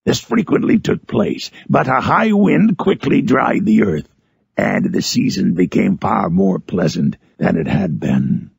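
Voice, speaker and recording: Frankenstein's monster, very gravelly and raspy. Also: male voice, lowish voice, very animated, no room sound, lo-fi sound, heavily acted. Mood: wistful, reflective. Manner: solemn, eloquent, drawn-out phrasing. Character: Frankenstein's monster, lonely, articulate, yearning man-made creature. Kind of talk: dramatic audiobook narration in character.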